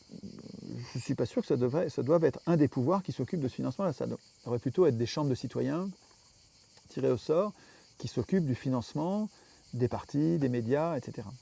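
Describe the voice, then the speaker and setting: A man's voice: medium pitch, creaky, dark tone, breathy edge. A French man, interviewed, explaining his political views at length with emphatic reasoning and frequent restarts.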